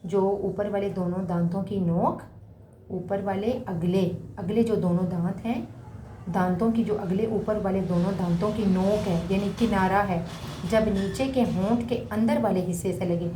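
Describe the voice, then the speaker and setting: A woman teaching a reading lesson, sounding each letter several times with pauses between. Her voice is soft and mellow. The room is echoey, with a faint hum behind her. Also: mid-range voice, steady tone. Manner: drawn-out sounding of letters, louder on the examples. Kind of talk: slow spoken lesson for children.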